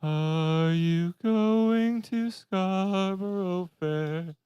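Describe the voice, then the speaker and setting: A man doing a slow droning robot voice. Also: high voice, mellow, clear, resonant tone, no room sound, muffled recording, pitched above the performer's own voice. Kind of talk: podcast banter.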